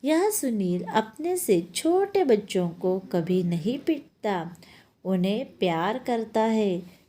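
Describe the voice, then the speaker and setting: Woman, slow lively story reading, warm dark tone. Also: medium pitch. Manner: expressive, unhurried.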